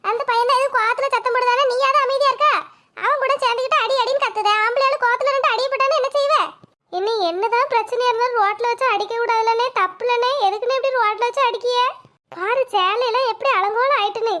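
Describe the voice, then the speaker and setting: A woman doing a squeaky, soothing village neighbor. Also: steady tone, fast, pushed and bright. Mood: coaxing. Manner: coaxing, mildly scolding.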